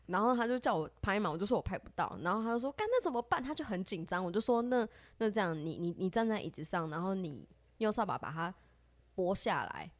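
A woman with a Taiwanese Mandarin accent, co-hosting a podcast and telling a story in an animated way, acting out what her friends said. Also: fast talker. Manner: animated, acts out quoted friends with rising pitch. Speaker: podcast co-host. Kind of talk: casual storytelling chat.

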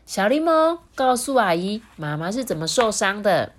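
A woman voicing a kind woman doctor in a children's storybook, speaking slowly and encouragingly. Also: medium pitch, very animated, pitched above the performer's own voice. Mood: reassuring. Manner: reassuring, slow, encouraging.

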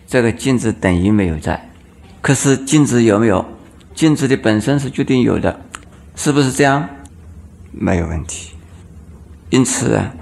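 A man, a Buddhist master, giving a dharma lecture. He explains patiently, puts rhetorical questions to his listeners, and chants verse lines slowly. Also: medium pitch, gravelly, darkish tone.

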